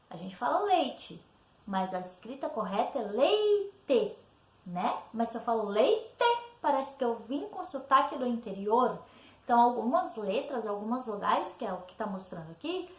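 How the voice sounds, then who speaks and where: A woman with a Brazilian Portuguese accent, a teacher patiently explaining spelling exercises and checking in with her pupils. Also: high voice. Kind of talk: recorded spelling lesson walkthrough. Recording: echoey room.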